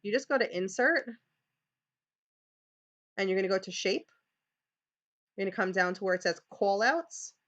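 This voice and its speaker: A woman's voice: mid-range voice, normal speed, pauses often, fairly bright tone, lo-fi sound. A woman with a New York accent leading a live screen-share tutorial for teachers, chatty, with many "okay"s and restarts. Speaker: teacher leading a training session.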